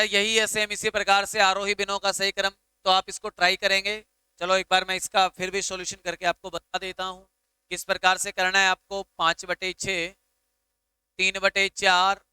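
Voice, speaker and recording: A man's voice: high voice, bright, forceful tone, clear, resonant tone, no room sound. A man teaching a math lesson for exam students, patiently talking through each step and repeating fractions aloud. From India.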